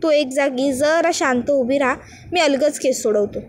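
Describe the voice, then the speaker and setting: A woman's voice: high voice, moderate pace, close to an everyday voice. A woman voicing a young husband who teases his wife and scolds her mildly, in her own storytelling voice. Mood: teasing. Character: young husband, teasing yet gentle.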